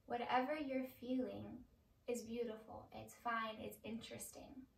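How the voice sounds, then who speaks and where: A middle-aged woman leads a yoga class in a slightly high voice. Her delivery is measured and calming, with unhurried instructions. The sound is roomy, picked up by a microphone a little way off. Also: vocal fry, far from the mic. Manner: slow, measured, calming guidance. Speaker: yoga teacher. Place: indoor home room, on a mat.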